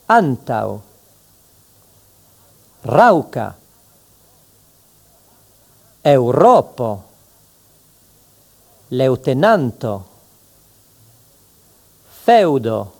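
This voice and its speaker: A man teaching pronunciation in a recorded lesson, saying each word slowly and with clear, stressed syllables. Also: fairly high pitch, darkish tone. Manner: slow, carefully articulated, stresses syllables. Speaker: language teacher.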